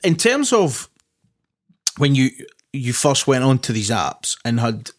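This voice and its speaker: A man's voice: medium pitch, very animated, slow. A man hosting a casual podcast, asking rambling questions full of fillers and restarts. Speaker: podcast host. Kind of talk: casual interview chat.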